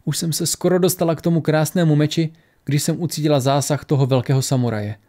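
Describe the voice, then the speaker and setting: A man's voice: on the high side, steady tone, mellow, close to an everyday voice. A man voicing a proud, wealthy woman who sounds bitter and dejected. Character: rich, proud woman, bitter after failure.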